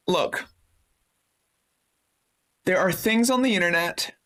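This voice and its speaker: In a fairly low-pitched, fairly bright voice, a Twitch streamer talks very slowly while chatting casually on her live stream. She reads viewer messages, thanks them and swears liberally.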